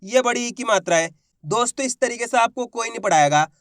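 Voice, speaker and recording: A man's voice: very high voice, lively intonation, no room sound. Guy teaching beginners to read, asks then answers himself, stretches long vowels, dry close sound. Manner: asks questions and answers them himself, drills syllables slowly; draws out long vowels when sounding out words. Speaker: Hindi teacher. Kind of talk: spoken reading lesson for beginners.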